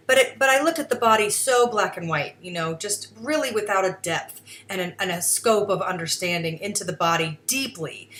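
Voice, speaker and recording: A woman's voice: mid-range voice, fairly bright tone, slight background noise. A woman hosting her own podcast segment, talking earnestly in a rambling, casual way with many fillers and restarts. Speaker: podcast host. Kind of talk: casual solo commentary.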